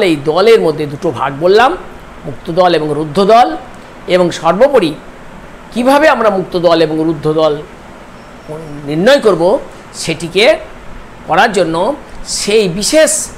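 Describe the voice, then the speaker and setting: Male teacher, high voice, slow deliberate delivery that breaks words into syllables, faint background noise. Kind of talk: recorded lecture.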